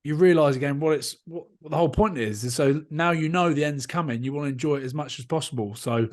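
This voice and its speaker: A man with a somewhat higher voice co-hosts a relaxed chat. He jokes, teases his guest and swears freely in easy banter. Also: fast talker. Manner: joking, teasing, swears freely. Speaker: podcast co-host, fellow player. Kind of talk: casual banter.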